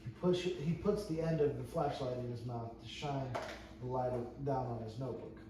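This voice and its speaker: A man serving as narrator reads stage directions aloud at a table read, his mid-range voice fairly even in intonation and his speed normal. A distant mic in a very echoey room leaves the audio noisy.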